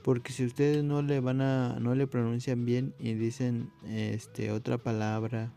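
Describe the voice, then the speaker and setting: A man teaching a casual video language lesson, patient and repetitive, calling his viewers friends and slowing down to model pronunciation. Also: mid-range voice, flat delivery, gravelly, mellow, soft background music. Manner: patient, repeats words slowly to model pronunciation; addresses viewers often as friends.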